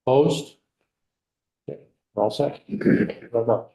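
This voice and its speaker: A man chairing a legislative committee meeting, running the votes briskly. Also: medium pitch, gravelly, echoey room, dull audio. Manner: brisk procedural.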